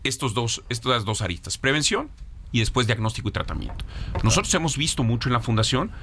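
Man, lively pitch, emphatic guest. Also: brisk, slight background noise. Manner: emphatic, animated. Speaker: foundation guest. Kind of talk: casual chat.

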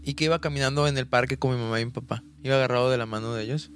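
A man's voice: medium pitch, fairly even intonation, rapid-fire, slight background noise. Hesitant young man chatting casually. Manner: hesitant, many restarts and fillers. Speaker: podcast co-host. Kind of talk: casual chat.

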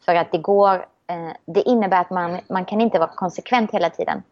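A woman's voice: fairly low pitch, darkish tone. A woman talks in a reflective, optimistic way, often restarting her thoughts. The recording sounds a bit dull. She speaks as a guest in a casual conversation.

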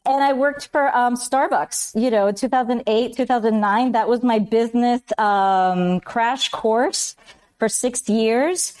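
Chatty woman, smooth clear voice. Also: a little high, unhurried. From Colombia, raised in Miami. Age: 40s. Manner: chatty, warm storyteller, switches into Spanish phrases. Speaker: podcast guest. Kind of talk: casual interview chat.

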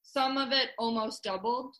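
A woman's voice: a little high, moderate pace, pushed and bright. A woman joining a casual podcast conversation, talking in a chatty way with many fillers.

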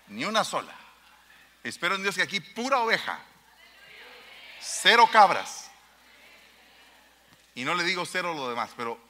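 A man's voice: fairly high pitch, sharp tone, long reverb tail. A man preaching a sermon to his congregation, emphatic and speaking straight to his listeners. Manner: emphatic, addresses the congregation directly.

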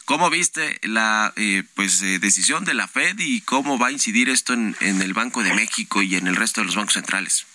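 A man's voice: on the low side, lively intonation, moderate pace, few pauses, pushed and bright, slight background noise. A man with a Mexican accent hosting a radio interview, asking long questions with many fillers and restarts. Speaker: radio host.

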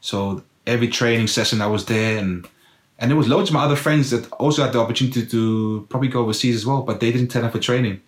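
Speaking fast in a mid-range voice, a middle-aged South African man, a former footballer and native Afrikaans speaker, recounts his life as an interview guest and plays his younger self with exclamations. The room gives an echoey sound.

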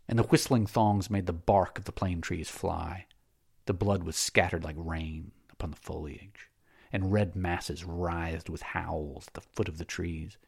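A man narrating a novel in a measured, dramatic reading. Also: low voice, vocal fry, husky. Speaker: audiobook narrator. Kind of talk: scripted narration.

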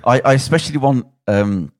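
A man's voice: mid-range voice, brisk, dry recording, clean studio sound. A man hosting a casual podcast chat, loose and laughing, often trailing off and restarting. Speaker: podcast host.

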